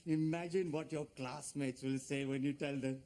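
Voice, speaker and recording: An actor playing a pompous, excitable middle-aged Pakistani father and self-styled community leader in a sitcom, with a Pakistani accent and a boastful, theatrical manner. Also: fairly high pitch, moderate pace, lightly acted. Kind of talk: broad television sitcom acting.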